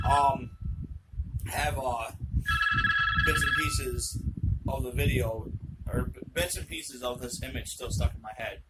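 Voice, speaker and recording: Excitable man telling a tale over loud noise. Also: medium pitch. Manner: excitable, profane, rambling with asides. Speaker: channel host telling a true story. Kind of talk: casual spoken storytelling. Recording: loud background noise with clicks.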